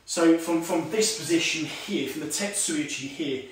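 A man in his forties teaches an online karate lesson from a tiled-floor room at home, explaining and demonstrating moves, calling out commands, and saying "okay" a lot. His voice is on the high side at normal speed. Recorded by a far camera on a stand, the sound is echoey and distant with a little hiss or hum.

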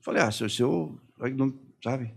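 A middle-aged man from Brazil, a podcast guest, telling his story haltingly and quoting the people who questioned him. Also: mid-range voice, vocal fry, slightly rough. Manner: halting retelling, quoting his interrogators and himself. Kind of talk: personal testimony in a podcast interview.

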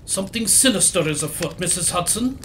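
An excitable Victorian gentleman doctor in a radio play. He is courteous and exclamatory, his pitch swinging widely, over some background noise. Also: brisk. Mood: alarmed, urgent. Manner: proper, exclamatory. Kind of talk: period audio drama acting.

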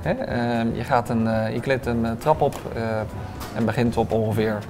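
Music plays behind a thirtysomething restaurant owner as he answers interview questions, his speech dotted with hesitant fillers. His voice is medium-pitched and steady at a moderate pace, picked up by a lapel mic in a bright dining room.

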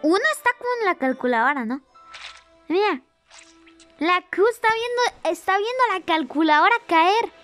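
A YouTuber in a put-on cartoonish character voice gives excited reaction commentary, repeating exclamations while watching and chatting with the audience. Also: very high voice, moderate pace, soft background music. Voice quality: a put-on cartoonish character voice, not the speaker's real one. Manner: chatty with the audience, laughs at own slips. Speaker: YouTuber reacting to an animated series.

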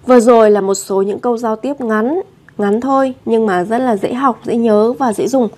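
Clear woman teaching Korean phrases. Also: fairly high pitch, moderate pace, dark tone. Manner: models each Korean phrase twice, then explains it patiently. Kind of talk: language lesson, repeating phrases slowly.

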